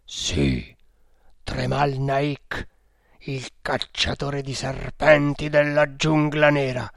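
A man's voice: mid-range voice, drawn-out words, creaky, no echo, studio quality. A man voicing a cruel, fanatical male temple priest in an audiobook, speaking sternly and without mercy. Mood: menacing. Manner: stern, implacable, menacing. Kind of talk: audiobook character reading.

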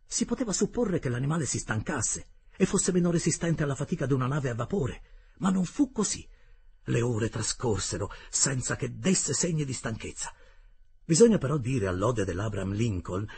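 A man reading a classic adventure novel aloud as an expressive first-person audiobook narrator. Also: mid-range voice, slightly rough.

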